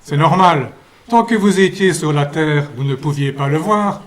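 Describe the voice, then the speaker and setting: A man playing a gentle, fatherly saint. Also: fairly high pitch, close to an everyday voice. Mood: benevolent. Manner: calm, pious, measured preaching. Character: gentle, fatherly male saint at heaven's gate.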